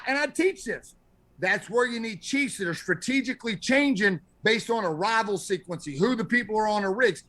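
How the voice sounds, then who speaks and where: A man's voice: high voice, bright, forceful tone. A man, a fire instructor, giving emphatic, blunt training commentary over incident video.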